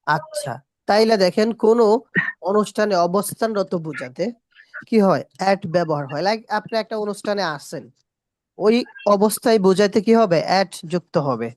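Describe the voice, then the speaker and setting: A woman teaching a spoken English class, repeating short English phrases slowly and quizzing her students. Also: medium pitch, animated, darkish tone, no room sound, studio quality. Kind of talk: classroom lesson.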